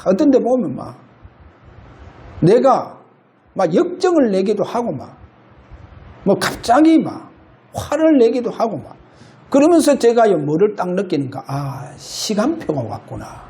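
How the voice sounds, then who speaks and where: A male pastor preaching an impassioned sermon in a church, shifting between loud and low. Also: big pitch swings, a little slow, pauses often. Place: church sanctuary.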